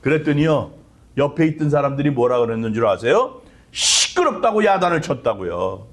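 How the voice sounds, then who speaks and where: A man's voice: mid-range voice, very animated, brisk. A man preaching a sermon as pastor, with impassioned delivery that acts out cries of prayer.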